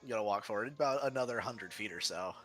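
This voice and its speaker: A man narrating a tabletop game as game master, improvising haltingly as he describes scenes. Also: lowish voice, over music.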